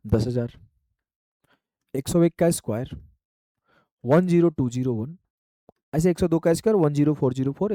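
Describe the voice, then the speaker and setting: In a dry recording, a mid-range, mellow male voice leads an online exam-prep math lecture, putting questions straight to his students and then speaking their answers back himself.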